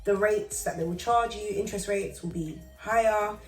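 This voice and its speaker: A woman's voice: medium pitch, moderate pace, faint music behind. A woman, giving emphatic advice in a casual chat. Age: 30s. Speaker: guest. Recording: roomy and distant from the mic.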